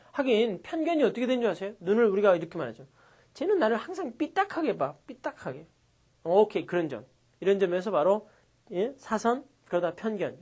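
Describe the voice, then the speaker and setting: A woman's voice: mid-range voice, darkish tone. Chatty woman teaching vocabulary. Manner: chatty, asks listeners questions, acts out little scenes. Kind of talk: lecture.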